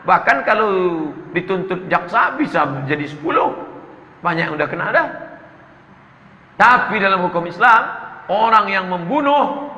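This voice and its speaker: Bright, jokey preacher in an echoey hall. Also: male voice, high voice, measured pace, long pauses. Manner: jokey, animated, reads questions aloud then answers. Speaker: preacher answering audience questions. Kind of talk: humorous sermon Q&A. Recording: echoey hall, slightly dull sound.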